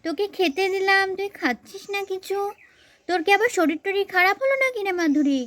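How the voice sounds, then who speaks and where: A woman's voice: very high-pitched, expressive, fairly quick, fairly bright tone. A woman voicing a busy young village mother who coaxes and calls out again and again. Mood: coaxing. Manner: coaxing, chatty, calls out repeatedly.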